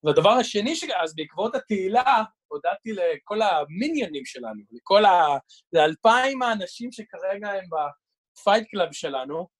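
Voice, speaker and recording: A man in his sixties with a notably high voice tells a story in a dry, deadpan way. He sounds relaxed and unhurried as he reads messages aloud in casual conversation. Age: 60s. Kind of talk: casual chat, reading out messages.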